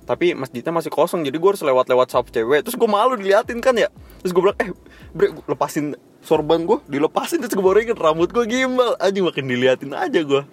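A man's voice: a little high, very animated, quick pace, soft background music. A young man co-hosting a podcast, chatting casually, joking, swearing and laughing often. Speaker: podcast co-host. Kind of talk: casual chat.

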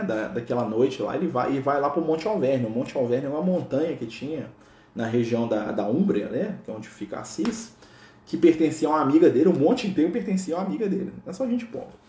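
A man's voice: on the high side, expressive, a little fast, darkish tone, roomy sound. A man telling a spiritual story as a lecture, chatty and conversational, constantly checking in with his listeners. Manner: conversational, peppered with tag questions.

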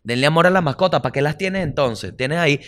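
A man with a Venezuelan accent hosting a casual comedy podcast, animated, slangy and profane. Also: on the high side, quick pace. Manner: animated, slangy and profane, acts out little voices. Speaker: podcast host.

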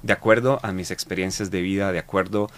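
A man with a Costa Rican accent answering interview questions in a reflective, halting way, with many fillers and repeated words. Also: sits low, steady tone, a bit bright, slight background noise. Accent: Costa Rican Spanish. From Costa Rica. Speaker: interview guest.

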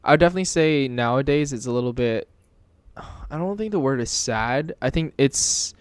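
A man's voice: medium pitch, expressive, normal speed, smooth, no echo. A young man co-hosting a casual podcast chat, talking hesitantly and searching for words as he goes. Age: young adult. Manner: hesitant, many restarts and fillers, searching for words. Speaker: podcast co-host.

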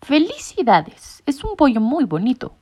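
Woman doing a fussy know-it-all storybook cat, high and jumpy, all dramatic gasps, muffled audio. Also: wildly swooping pitch, unhurried, darkish tone, breathy edge, heavily acted. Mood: fretful. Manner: fretful, dramatic exclamations. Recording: muffled lo-fi recording.

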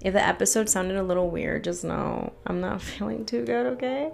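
Congested a little from allergies, this podcast host rants alone on her casual show, rambling, frustrated and freely profane. Her mid-range voice is creaky with a darkish tone, and she speaks at normal speed.

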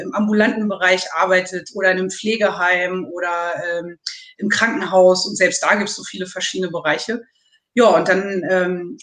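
A woman in her thirties, a nursing student, talking hesitantly and at length in a casual interview over a call. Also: mid-range voice. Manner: rambling, hesitant with many pauses. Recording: echoey room.

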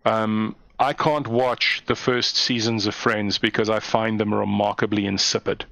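A man's voice: lowish voice, unhurried, creaky, dry recording. A South African man, a comedian guest chatting casually and telling stories with lots of animation and laughter. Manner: animated storyteller, jumps into mock voices, laughs often. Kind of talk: casual chat.

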